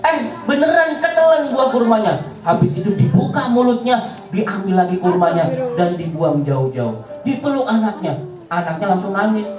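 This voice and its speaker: Animated male children's storyteller; raised pitch, recorded far off in a roomy hall. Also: normal speed. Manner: playful, animated, addresses the kids directly. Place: large event hall with audience. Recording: echoey hall from far off, with crowd and music.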